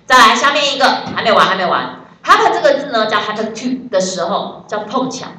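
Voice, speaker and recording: Bright-voiced Taiwanese woman teaching a class. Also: on the high side, very animated, a little fast, roomy sound, distant mic, slight background noise. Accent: Taiwanese Mandarin. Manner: chatty and joking, spelling words out. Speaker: English teacher. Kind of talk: classroom lesson.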